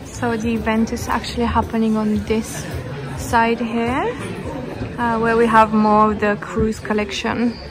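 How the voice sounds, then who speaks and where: With a voice on the high side and little pitch movement, a young woman talks at a measured pace as she vlogs a shopping trip. The fashion vlogger is casual and gushingly enthusiastic on camera. Crowd noise and music from the busy department store and boutiques carry in the background.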